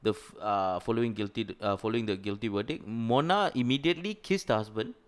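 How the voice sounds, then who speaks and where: A man's voice: fairly low pitch, fast. A man with a Malaysian accent co-hosting a podcast, telling a story casually in colloquial Malaysian English peppered with lah and ah. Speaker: podcast co-host telling a true-crime story.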